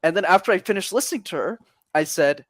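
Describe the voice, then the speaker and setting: A young man from Canada, a podcast guest, telling stories in energetic, extroverted casual chat. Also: high-pitched, quick pace, no room sound, studio quality.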